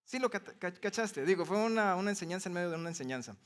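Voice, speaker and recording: A man's voice: high voice, animated, fast, clean tone. A man, preaching a sermon in a conversational way and explaining step by step with everyday examples. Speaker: pastor.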